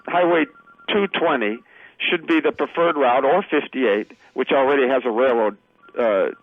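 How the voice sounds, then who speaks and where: A man guest on a radio show, speaking over the phone in an earnest, halting way with many fillers. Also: mid-range voice, no room sound, phone-quality sound. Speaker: political candidate guest.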